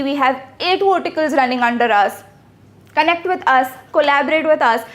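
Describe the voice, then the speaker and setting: A woman with a high voice hosts a business networking seminar. She talks to the room in a casual, persuasive way and keeps checking that the audience agrees. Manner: conversational, asks the audience for agreement. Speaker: event host.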